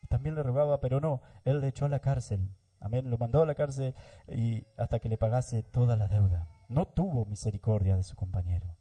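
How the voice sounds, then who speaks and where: Dark-voiced Argentine preacher. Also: male voice, medium pitch, brisk. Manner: preaching, repeatedly addressing the congregation, frequent amens. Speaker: pastor. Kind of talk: sermon. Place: church.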